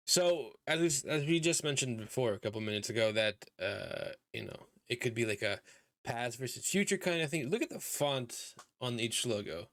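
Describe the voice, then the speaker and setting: A man hosts a casual podcast over a computer mic on a voice call. His voice is smooth and resonant at a middling pitch, and the sound is dry and close. He rambles along with plenty of fillers. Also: fairly bright tone, no echo. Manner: rambling, filler-heavy talk. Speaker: podcast host.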